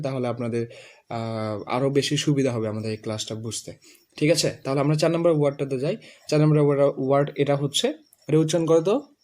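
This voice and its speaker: A man's voice: fairly high pitch, a little mellow. Bengali-accented male pronunciation teacher. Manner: drills words slowly, repeats them for a student. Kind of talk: classroom lesson.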